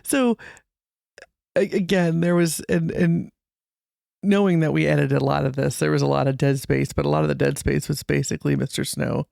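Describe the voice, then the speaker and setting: A woman co-hosting a podcast, telling stories in a chatty, casual way with a creaky voice. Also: low voice, steady tone, normal speed, darkish tone, no echo, studio quality. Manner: chatty storytelling with laughs. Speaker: podcast co-host. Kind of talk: casual chat.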